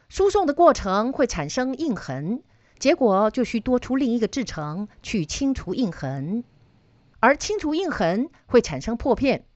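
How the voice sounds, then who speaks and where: A woman's voice: a little high, no room sound, muffled recording. A middle-aged woman teaching data analysis, explaining ideas through personal stories and putting questions to her listeners. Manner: storytelling, asks listeners questions.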